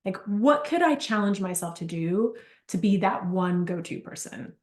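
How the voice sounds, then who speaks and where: A business coach from Argentina tells chatty, animated stories packed with asides during a live workshop. She has a medium-pitched voice and speaks at a normal speed, and the recording sounds roomy.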